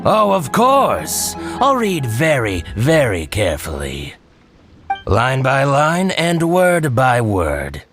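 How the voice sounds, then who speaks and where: A spiteful, gloating merchant. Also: male voice, mid-range voice, wildly swooping pitch, slow pace, a bit bright, heavily acted. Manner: scornful, gloating. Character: spiteful middle-aged male merchant, grudging. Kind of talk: video game voice acting. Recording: game audio with music.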